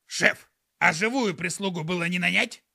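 A man's voice: high voice, normal speed, sharp tone, no echo, studio quality, voice pushed up, exaggerated voice. A man voicing a grumpy, cheeky pet skunk who grumbles in slangy speech. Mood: sulky. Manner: grumbling, gruff, streetwise. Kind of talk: audiobook narration.

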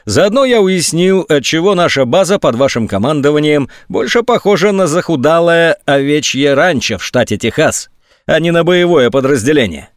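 A man's voice: big pitch swings, a little fast, no echo, studio quality. Man putting on a sneering, sarcastic general. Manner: mocking, sneering, sometimes shrill. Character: sarcastic, scornful male army general on phone.

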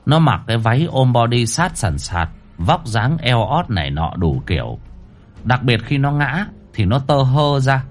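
A man narrating a horror story dramatically. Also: a little slow. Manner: animated, swinging pitch for drama.

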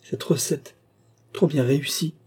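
A man's voice: fairly high pitch, steady tone, measured pace, dark tone, husky, pitched above the performer's own voice. A man voicing a fat, panicky middle-aged man who floats helplessly, speaking in a gasping, flustered and pleading way.

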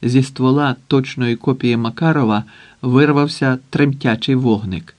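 A man reading an audiobook in a dramatic, deliberate way, acting out the characters. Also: medium pitch, steady tone. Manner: slow, deliberate, voices characters with shouts. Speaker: audiobook narrator.

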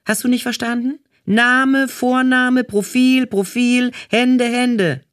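A man's voice: a little high, lively intonation, unhurried, no echo, clean studio sound. A man voicing an impatient, bossy female casting manager who snaps out orders in an audiobook. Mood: shouting. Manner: snapping, barking orders. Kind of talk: audiobook character voice.

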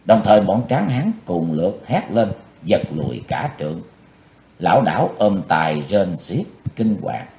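A man's voice: fairly low pitch, dark tone. A man narrating a martial-arts novel as an audiobook, telling it in a dramatic, varied way. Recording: roomy echo.

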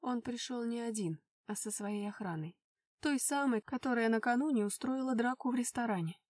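A woman narrating a first-person romance novel, with a slightly high voice and steady storytelling. The recording is dry, without room echo, and she sits a little back from the mic. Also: moderate pace, far from the mic. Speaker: audiobook narrator.

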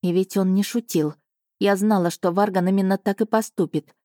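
A woman reading a first-person audiobook in a lively, ironic storytelling manner, close to the mic. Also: medium pitch, moderate pace, dry recording. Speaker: audiobook narrator.

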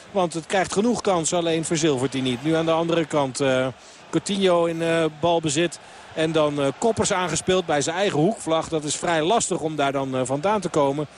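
A man's voice: a little high, slight background noise. A man giving live play-by-play football commentary on the radio, talking on steadily with filler sounds. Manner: fluent running play-by-play with fillers.

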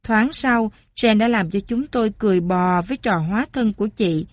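A woman narrating an audiobook in a calm, measured storytelling voice. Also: medium pitch, dry recording.

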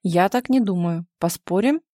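A woman's voice: lowish voice, moderate pace, dark tone, dry recording, clean studio sound, lightly acted. A woman reading the lines of a smug, manipulative man in an audiobook, with a cool, mocking and threatening delivery. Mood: curt.

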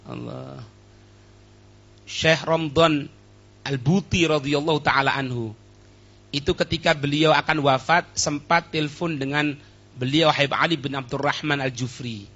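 A man's voice: fairly high pitch, fairly even intonation, unhurried, long pauses, fairly bright tone. A man preaching a sermon, quoting Arabic lines, translating them and asking his listeners questions. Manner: quotes Arabic then translates, asks the audience questions. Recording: dull lo-fi recording.

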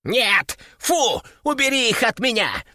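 Brash male parrot for an audiobook, creaky and squawky, third-person talk, high, very sharp and bouncy in pitch, a man voicing it. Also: sing-song, slow pace, dry recording, clean studio sound, exaggerated voice. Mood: panicked. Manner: speaks of himself in third person, broken grammar. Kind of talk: audiobook character voice.

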